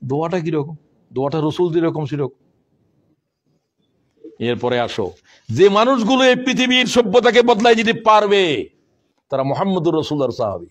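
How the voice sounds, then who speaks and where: A man preaching a fiery sermon. He swings from shouted rebukes to low, solemn asides and keeps questioning his audience. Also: big pitch swings, moderate pace, pauses often. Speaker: Islamic preacher.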